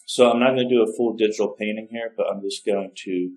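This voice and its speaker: A man with a fairly low voice talks through a digital coloring session in a loose, casual way. He rambles, backtracks and corrects himself, and sounds unsure of the names he says. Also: fairly even intonation, fast, a little mellow, poor audio. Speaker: art tutorial host. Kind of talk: casual narrated drawing tutorial.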